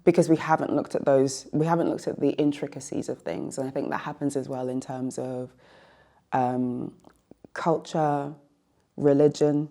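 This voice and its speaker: A woman's voice: rumbling low, steady tone, moderate pace, dark tone. A woman in her forties, a guest on a panel, speaking thoughtfully and rephrasing her points as she searches for words. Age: 40s. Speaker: panel guest, well-being coach. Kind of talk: casual discussion.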